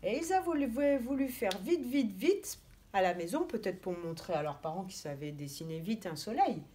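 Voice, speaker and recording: A woman preschool teacher teaching young children, speaking slowly and clearly as she sounds out letters and gives gentle instructions. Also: medium pitch, sing-song, slight background noise.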